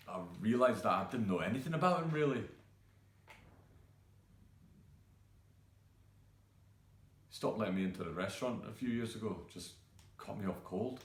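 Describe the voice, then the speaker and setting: An actor playing a grieving young male cook who talks in a halting, hesitant way full of fillers. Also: fairly low pitch, vocal fry, echoey room. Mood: bitter. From Scotland. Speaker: actor performing a monologue. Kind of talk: self-tape monologue.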